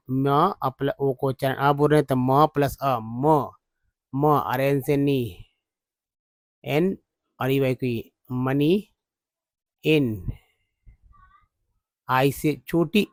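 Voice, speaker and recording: A man teaching English spelling and pronunciation, slowly sounding out each letter and repeating words many times. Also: mid-range voice, steady tone, dry recording.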